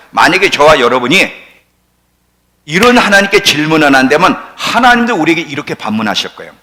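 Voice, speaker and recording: Older guy in his 60s preaching, bright lively voice, gets loud then drops way down. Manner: emphatic, rising to near-shouts then dropping low. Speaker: pastor. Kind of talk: sermon.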